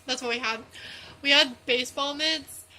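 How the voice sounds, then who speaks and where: A teenage girl chats to her camera in a loose, rambling vlog, correcting herself as she goes. Her voice sits high and sounds very bright and sharp. A faint hiss runs underneath. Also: moderate pace, poor audio. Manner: rambling, self-correcting, giggly. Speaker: vlogger. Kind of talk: casual storytelling vlog.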